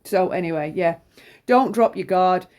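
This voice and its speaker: A woman's voice: fairly low pitch, moderate pace, darkish tone. A middle-aged woman, chesty with flu, gives an informal, opinionated monologue in a blunt, sweary, emphatic way, often repeating herself. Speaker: true-crime commentator.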